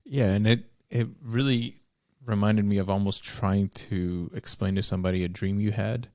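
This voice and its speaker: Low, gravelly man groping for words. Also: fairly even intonation, normal speed, darkish tone, no echo, studio quality. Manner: searching for words, many likes and restarts. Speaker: podcast co-host. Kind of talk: casual book discussion.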